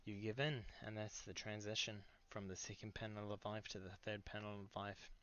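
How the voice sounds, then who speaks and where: A young man with a lowish voice delivers a mock-solemn comic monologue in grave, deadpan earnest tones, now and then breaking into a sudden loud outburst. The recording is dull and lo-fi, with muffled highs. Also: normal speed. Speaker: comedic monologue performer.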